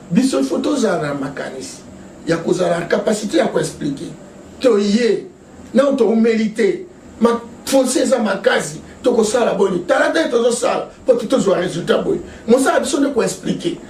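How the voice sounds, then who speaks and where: An emphatic man talks politics with a high, swooping voice that rises and falls constantly. He laughs often as he makes his points. He is heard from a distance in an echoey studio with a faint hiss. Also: darkish tone. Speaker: political guest. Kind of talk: impassioned political talk. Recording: echoey room from far off.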